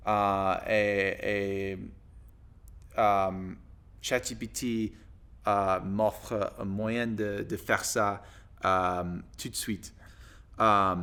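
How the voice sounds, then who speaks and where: An American man, a native English speaker, talks in halting broken French with a clean, smooth voice on the low side. He goes slowly, searching for words and slipping on grammar in a casual learner's monologue. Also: a bit bright. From United States. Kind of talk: casual monologue to camera in a second language.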